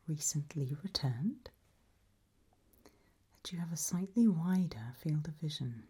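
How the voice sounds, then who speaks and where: A woman voicing a gentle, eerie undead guide in a whispered role-play, slow and patient, with a breathy, husky whisper as she softly gives instructions. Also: low-pitched, full character voice.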